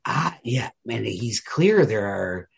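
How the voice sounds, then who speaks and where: This podcast co-host speaks slowly in a lowish, creaky, husky voice with big pitch swings. Picking a story apart casually and analytically, he rambles with emphasis and says "like" constantly.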